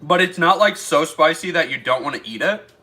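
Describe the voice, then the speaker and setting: A man's voice: fairly high pitch, animated, fairly quick, pushed and bright, a little hiss or hum. A man chatting through a casual taste-test vlog, thinking aloud as he eats. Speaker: food reviewer.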